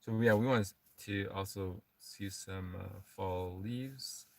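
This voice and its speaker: Deep gravelly man, casual livestream chat. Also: slow pace, no room sound, distant mic. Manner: relaxed, reads out viewer comments. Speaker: vlogger co-host. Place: camper van at a campsite. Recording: dry, from a little off mic.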